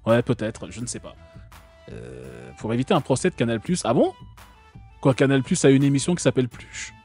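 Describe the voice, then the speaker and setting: A man's voice: medium pitch, big pitch swings, a little fast, darkish tone, slightly rough, faint music behind. A man from France hosting a live stream, talking casually and sarcastically with many fillers and restarts.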